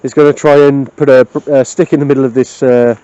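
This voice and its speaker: A man's voice: mid-range voice, fairly even intonation, fast talker, warm tone, clear, resonant tone, no room sound, highs cut off. A man with a South Wales Valleys accent chatting casually and jokily to a handheld camera outdoors. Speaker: camper filming an outdoor vlog. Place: outdoors at a woodland campsite.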